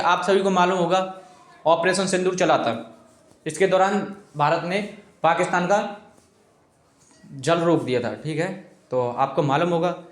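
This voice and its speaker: A man with a high voice teaches an exam coaching lesson in an echoey room. He repeats each point over and over, keeps checking in with his students, and pleads with them informally. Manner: repetitive, keeps saying "okay friends".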